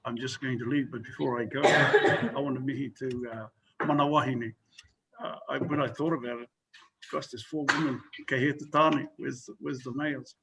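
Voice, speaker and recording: A man's voice: medium pitch, fairly even intonation, moderate pace, vocal fry, noisy background. Encouraging New man on a call. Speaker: elder guest. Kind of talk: casual remarks. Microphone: video call.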